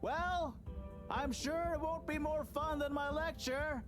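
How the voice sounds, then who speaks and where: A man's voice: very high-pitched, fairly even intonation, takes it slowly. A man playing a nerdy, wry, anxious professor in a video game, with a pedantic manner. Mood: pedantic, self-satisfied. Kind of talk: video game character acting. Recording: music behind the voice.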